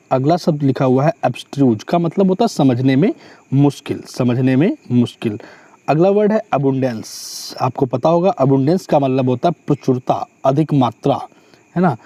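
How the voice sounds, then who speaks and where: A male teacher works through a word list, explaining each meaning and repeating it. His voice is mellow and dark, recorded dry and close. He reads definitions slowly and often adds a tag question. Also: mid-range voice, dry recording. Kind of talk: vocabulary lesson.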